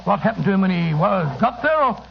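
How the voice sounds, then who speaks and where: An actor playing an earnest, inquisitive doctor, loyal companion to a detective, in a vintage radio drama. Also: male voice, high-pitched, big pitch swings, quick pace, vocal fry, exaggerated voice. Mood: puzzled. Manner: earnest, questioning. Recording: muffled, hissy old radio recording.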